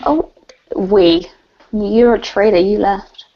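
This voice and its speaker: A woman's voice: medium pitch, takes it slowly. A woman chatting casually, blunt and exasperated in her replies. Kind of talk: casual chat. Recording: dull lo-fi audio, a bit distant.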